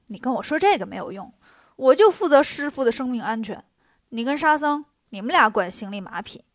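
A woman's voice: sits high, lively intonation, fairly quick, no room sound, studio quality. A woman doing a cocky monkey-monk. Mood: brash. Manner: brash, teasing. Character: cocky quick-tempered male monkey-monk.

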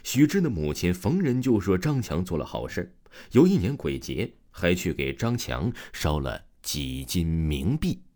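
A man narrating a serialized ghost story in a lively, dramatic storytelling manner. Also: low-pitched, moderate pace.

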